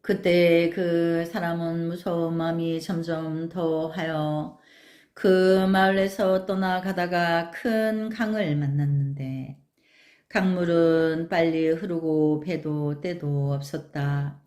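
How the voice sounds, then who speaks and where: Woman, Buddhist nun, slow sutra recitation, dark mellow voice, echoey room. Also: fairly low pitch, steady tone. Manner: measured, solemn, unhurried reading.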